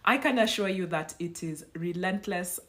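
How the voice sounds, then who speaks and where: A woman with a slightly low voice speaks a mock-formal, sarcastic monologue. Her delivery is measured and pointed.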